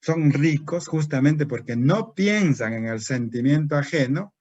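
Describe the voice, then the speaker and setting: A man's voice: fairly high pitch, animated, unhurried, a little mellow, husky, no echo. A man giving a lecture to teachers as a trainer, asking and answering his own rhetorical questions. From Peru. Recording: dry, dull lo-fi recording.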